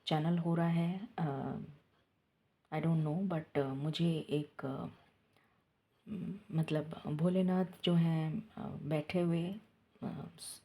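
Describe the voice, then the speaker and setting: A woman, a tarot reader leading a slow prayer and reading, a little out of breath. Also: low voice. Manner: slow and soft, switching between Hindi and English.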